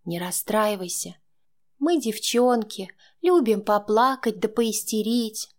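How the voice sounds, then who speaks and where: A woman's voice: mid-range voice, takes it slowly, lightly acted. A woman playing a fretful older grandmother. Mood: tender. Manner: anxious, scolding, then tender. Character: older woman, worried caring grandmother, tearful.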